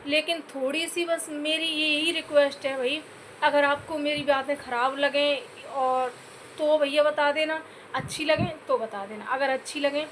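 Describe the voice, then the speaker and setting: Woman vlogger, high pitched, scolding, pleading, faint background ambience. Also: fairly even intonation, unhurried, a bit bright, a little hiss or hum. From Uttar Pradesh, India. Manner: scolding, repeatedly addressing listeners as "bhai"; earnest, pleading for comments. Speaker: YouTube vlogger. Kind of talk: direct-to-camera commentary rant.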